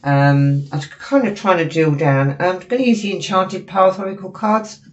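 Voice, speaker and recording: A woman's voice: fairly low pitch, a little mellow. Sniffly woman giving a casual tarot reading. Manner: chatty and apologetic, often pausing with fillers. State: has a cold, sniffling. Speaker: tarot reader. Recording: dull lo-fi recording with faint noise.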